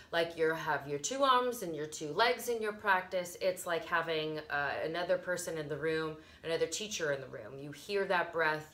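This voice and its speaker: Bright-voiced, lower-pitched woman teaching yoga. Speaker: yoga instructor. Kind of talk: casual instructional talk, guided breathing demonstration. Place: carpeted living room, indoors. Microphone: camera a few feet away.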